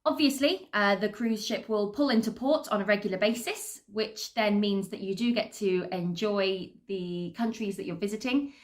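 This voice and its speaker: A woman's voice: medium pitch, normal speed, hardly any pauses. A British woman talking informally to camera as a cruise entertainer, in an upbeat, chatty and articulate manner. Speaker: assistant cruise director and entertainer. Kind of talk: informal career talk to camera.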